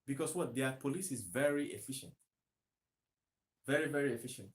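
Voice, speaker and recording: Brisk and medium-pitched, a Nigerian man commentates live to his stream audience. His delivery is emphatic, with repetition and rhetorical questions.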